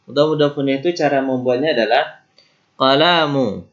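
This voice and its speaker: A man's voice: mid-range voice, normal speed, muffled recording. A man teaching Arabic grammar, explaining patiently with examples and rhetorical questions. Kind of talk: grammar lesson.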